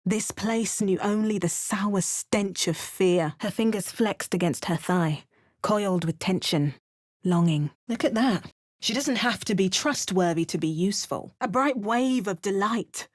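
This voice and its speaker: Here the actress speaks at medium pitch, a little slowly and lightly acted, in a recording with no room sound. Her character is a wary, determined British heroine on an adventure, mixing dry quips with storybook narration for a video game.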